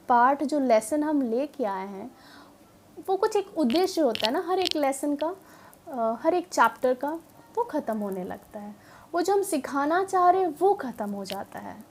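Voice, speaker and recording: A woman educator giving an earnest explanatory talk to parents and teachers, often pausing on fillers and mixing English words into her speech. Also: sits high. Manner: earnest, mixes English words into Hindi, frequent filler pauses.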